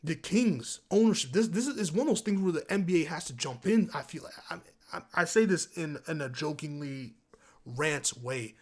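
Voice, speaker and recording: Male sports commentator, heated profane rant, repeats points, voice a touch high. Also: lively intonation, moderate pace. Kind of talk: ranting basketball commentary.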